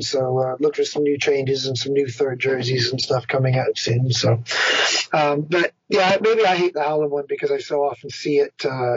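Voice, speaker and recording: Husky rambling man, dry lo-fi sound. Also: a little high, no room sound. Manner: rambling, self-mocking storyteller. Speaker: ice hockey player and coach. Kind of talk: casual interview answers.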